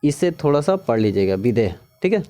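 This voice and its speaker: A man's voice: medium pitch, sing-song, mellow. A man teaching a casual exam-prep lesson, repeating key words and often checking in with the viewer. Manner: repetitive, keeps asking "ठीक है?"; drawn-out sing-song pronunciation drills.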